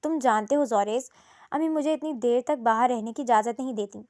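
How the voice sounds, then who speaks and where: A woman voicing a gentle young daughter who coaxes and pleads softly in a storybook reading. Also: on the high side, no room sound, clean studio sound, lightly acted. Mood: pleading.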